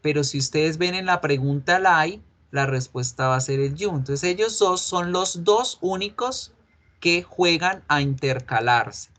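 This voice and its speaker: Male English teacher, slightly high voice, patient, repeats examples slowly. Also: lively intonation, fairly bright tone. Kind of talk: online class lecture.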